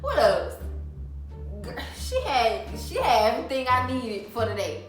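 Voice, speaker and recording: A young woman from Alabama, casually telling a story to her viewers in an animated, chatty way. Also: fairly high pitch, measured pace, reverberant, faint music behind. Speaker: vlogger.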